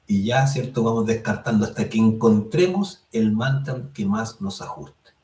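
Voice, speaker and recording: Calm male meditation teacher, roomy and distant. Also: on the low side. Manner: calm and explanatory, tags phrases with "¿cierto?"; draws out mantra syllables slowly. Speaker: spiritual course instructor. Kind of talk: guided meditation lesson. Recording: roomy sound, mic at a distance.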